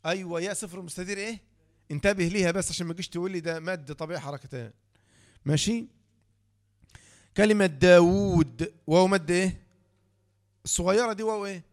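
High-voiced Egyptian tajweed teacher. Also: male voice. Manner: asks rhetorical questions and answers them himself; spells out words letter by letter slowly. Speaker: Quran recitation teacher. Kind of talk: tajweed lesson explaining rules from a book.

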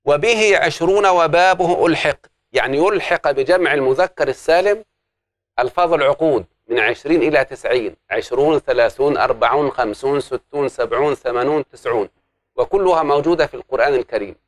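A man's voice: medium pitch, fast, dry recording, studio quality. A man teaching an Arabic grammar lesson, explaining step by step and putting questions to the class that he answers himself.

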